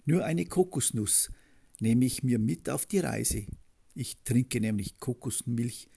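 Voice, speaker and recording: A man's voice: mid-range voice, expressive, slow pace, creaky, warm tone, breathy edge, full character voice. A man doing a playful little monkey.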